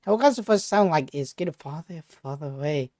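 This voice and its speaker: A woman giving casual Let's Play commentary, jokey and sweary as she reacts out loud, with game music behind her. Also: low voice, expressive, fairly quick, dry recording, clean studio sound. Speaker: gaming video host. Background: video game music.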